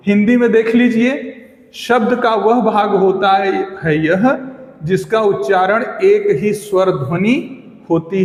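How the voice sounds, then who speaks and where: A man gives an exam-prep lesson in a high voice. He talks at an unhurried pace, repeating example words slowly and answering his own questions. The sound is roomy, with a long reverb tail. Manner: explains slowly, asks the class questions and answers them himself. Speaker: teacher. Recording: echoey room with long reverb.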